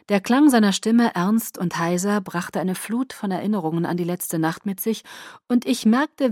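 A woman reading a first-person novel aloud as an audiobook narrator, soft and intimate. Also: on the low side, dry recording. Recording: dry close studio sound.

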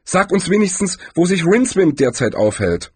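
Storybook wizard, pompous and huffy, raised pitch, a male reader doing him, husky. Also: sing-song, normal speed, a little mellow, no echo, heavily acted. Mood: flustered. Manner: commanding, then hasty and huffy. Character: pompous, flustered male wizard summoning Death.

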